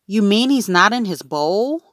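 A woman voicing a busy mother who talks in a flustered, brisk way. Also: mid-range voice, expressive, fairly bright tone, no room sound, clean studio sound, pitched above the performer's own voice. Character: busy, fussy mother of two.

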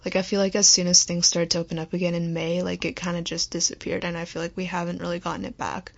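This young woman's solo late-night podcast is casual and rambling, packed with "like" and "um." She speaks fast with a flat, creaky delivery in a voice on the low side, and the audio sounds dull.

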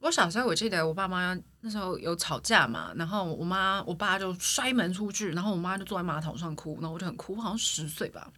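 A woman's voice: lowish voice, fast talker, few pauses, sharp tone. A woman in her thirties, a guest and mother, recalling things from her own life in a reflective way. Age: 30s. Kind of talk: casual chat.

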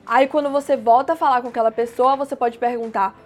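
A woman teaching everyday English phrases, explaining plainly and repeating each phrase slowly. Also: a little high, steady tone, soft background music. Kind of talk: casual language lesson.

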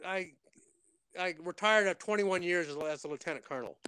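A man's voice: high voice, a little fast, pushed and bright, clean tone, no echo. An older man, a retired Air Force officer, telling stories in a casual interview, rambling with many restarts and quoting others.

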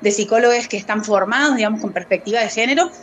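A woman with a somewhat high voice talks quickly, appearing as a guest and speaking as a fat activist. She tells a personal story hesitantly, filling the gaps between phrases with fillers and laughter in a conversational way.

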